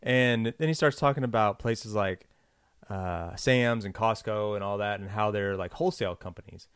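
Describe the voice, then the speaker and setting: A man's voice: on the low side, moderate pace, clear, resonant tone, no echo. Guy telling a long story casually, rambly, dry close mic. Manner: rambling, filler-heavy storytelling.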